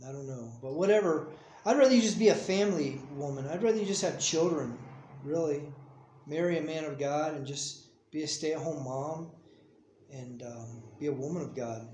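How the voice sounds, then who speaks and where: A man's voice: medium pitch, slight background noise. Earnest middle-aged man, echoey room. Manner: earnest, pleading, drifts between soft mumbling and heated insistence. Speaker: father addressing his estranged child. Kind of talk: personal video message.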